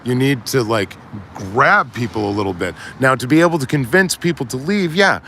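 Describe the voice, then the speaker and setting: A man's voice: mid-range voice, normal speed, a little hiss or hum. Rambling man chatting on a street. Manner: animated, rambling with restarts. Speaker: livestreamer. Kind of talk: casual chat. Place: outdoors on a city street at dusk. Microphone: phone camera.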